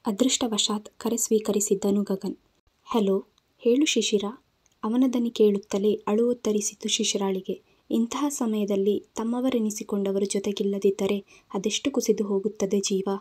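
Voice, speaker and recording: A woman narrating a romantic audio story in steady, expressive storytelling. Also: medium pitch, moderate pace, breathy edge. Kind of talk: scripted narration.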